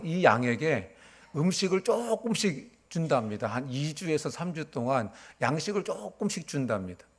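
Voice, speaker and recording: Korean pastor questioning his congregation. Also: on the high side. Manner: asks the congregation questions and answers them. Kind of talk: sermon.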